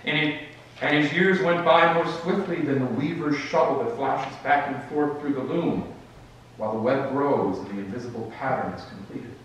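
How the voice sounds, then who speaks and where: A man reading a story aloud in a worship service, measured and expressive, with brief restarts. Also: mid-range voice, a little hiss or hum. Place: rural church sanctuary. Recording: echoey church from a distance.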